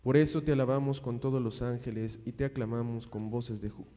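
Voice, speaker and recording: Priest intoning with long cathedral echo. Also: male voice, medium pitch, steady tone. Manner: measured, solemn intoning. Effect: long cathedral-style echo. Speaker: priest celebrating mass. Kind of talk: liturgical prayer. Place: large church. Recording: echoey church with long reverb.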